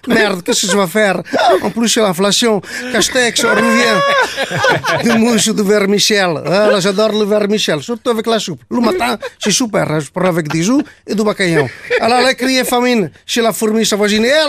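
A man's voice: high-pitched, a bit bright. A man playing a bumbling Portuguese immigrant as the cicada, rambling in mangled French with a put-on Portuguese accent. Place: radio studio.

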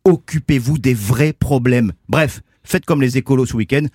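A man's voice: mid-range voice, moderate pace, darkish tone, slightly rough, dry recording. A man doing a comic column in a radio studio, joking and laughing at his own lines.

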